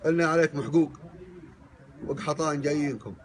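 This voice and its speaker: A man's voice: on the high side, fairly quick, a little hiss or hum. A man with a Saudi accent pleading his side as a mediator in a group argument, insistent and repetitive.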